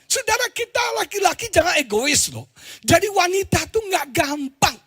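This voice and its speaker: A middle-aged man with an Indonesian accent preaching a sermon as a pastor, telling stories with sudden loud exclamations and low asides. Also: big pitch swings, moderate pace. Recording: live church stream with faint music behind.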